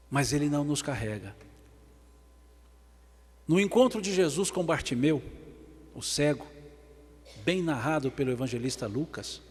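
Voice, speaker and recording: A man with a Brazilian Portuguese accent giving a religious lecture, swinging between emphatic loud passages and hushed ones. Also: fairly high pitch, husky. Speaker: spiritist lecturer. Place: large event hall. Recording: long hall reverb.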